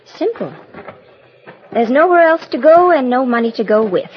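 An actress playing a proud, weary and guarded outlaw's widow in a vintage radio western. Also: female voice, sits high, big pitch swings, normal speed, breathy edge, heavily acted. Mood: bitter. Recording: muffled, band-limited old radio recording.

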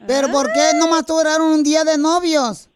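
A man's voice: very high voice, steady tone, normal speed. A man with a Mexican accent hosting casual radio chat in slangy, teasing Chicano-style Spanish. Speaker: radio show host.

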